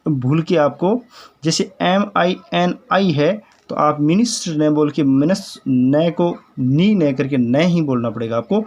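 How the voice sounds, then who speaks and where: A man gives an English pronunciation lesson in Hindi at an unhurried, deliberate pace. His voice sits a little high for a man. He spells words letter by letter and repeats them patiently, calling his viewers friends. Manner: addresses viewers as friends, explanatory. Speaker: English teacher.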